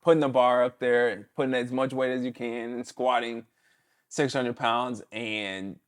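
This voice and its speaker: Man, 30s, football player guest, casual storytelling, middle pitch, acts out shouts. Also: moderate pace, clear, resonant tone. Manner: animated storyteller, mimics his coach's shouts. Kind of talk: casual conversational interview.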